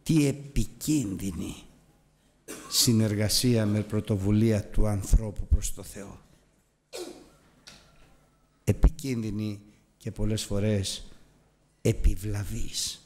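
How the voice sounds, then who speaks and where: A man's voice: fairly even intonation, pauses often, slight background noise. Male preacher mid-sermon, impassioned delivery that drops to near-whispered prayer. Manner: impassioned preaching, swinging from loud high exclamations to hushed prayer.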